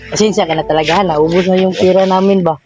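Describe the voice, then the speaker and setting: A man's voice: sits high, fairly even intonation, quick pace. A man vlogging, chatting and asking lots of questions in a casual way. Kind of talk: casual chat. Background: music.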